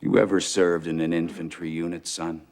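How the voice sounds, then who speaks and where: An actor playing a hardened, contemptuous military commander in a film drama, clipped and interrogating. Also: male voice, low-pitched, flat delivery, normal speed, a little mellow. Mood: cold.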